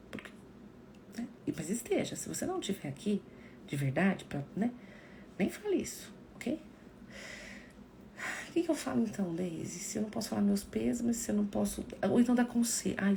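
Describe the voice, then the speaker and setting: Gravelly-voiced woman psychologist. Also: mid-range voice, fairly quick, pauses often, a little hiss or hum. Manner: expressive, acts out quoted remarks. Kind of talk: live-stream talk to viewers.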